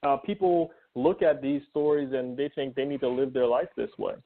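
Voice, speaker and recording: Animated man over a phone line. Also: medium pitch, moderate pace. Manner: animated, indignant, recounts the news. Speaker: podcast co-host. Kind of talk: casual opinion chat.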